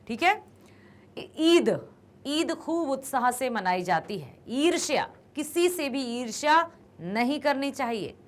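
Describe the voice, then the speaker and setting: Lively high-voiced woman teaching. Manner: explains patiently, repeats words slowly. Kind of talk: classroom grammar lesson.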